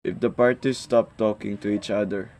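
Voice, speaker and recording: A man playing a formal, unhurried and skeptical chief telephone operator in an amateur radio play. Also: lowish voice, steady tone, a little mellow, close to an everyday voice. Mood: formal, doubtful. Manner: formal, procedural.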